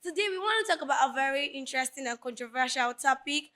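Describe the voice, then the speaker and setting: A woman's voice: sits high, expressive, quick pace, bright, forceful tone. A Nigerian woman hosting a casual interview chat, playful and laughing often. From Lagos, Nigeria. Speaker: podcast host.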